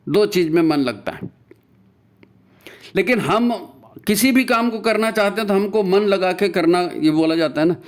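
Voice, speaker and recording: A man's voice: high-pitched, normal speed, pauses often. A man giving a spiritual talk on meditation, often repeating himself and asking rhetorical questions. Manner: rhetorical questions and repetition, tagging "है ना?"; recites scripture and mantra lines. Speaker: spiritual speaker.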